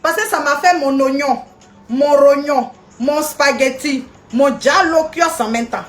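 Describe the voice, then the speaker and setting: A woman's voice: sits high, unhurried, faint music behind. A woman ranting indignantly on a live video stream, scolding people and greeting viewers by name.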